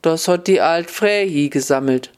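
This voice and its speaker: A man voicing a good-natured young hero who speaks calmly and kindly in dialect. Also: on the high side, moderate pace, smooth, lightly acted.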